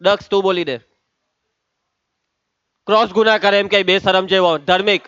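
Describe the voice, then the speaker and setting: A man teaches a maths class in a high, clear voice, ribbing his students and calling on them by name as he works through the problems. The sound is dry and close, with slightly dulled highs. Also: steady tone, normal speed, a bit bright, no echo, lo-fi sound. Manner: teasing, calls on students by name. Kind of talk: lively classroom lesson.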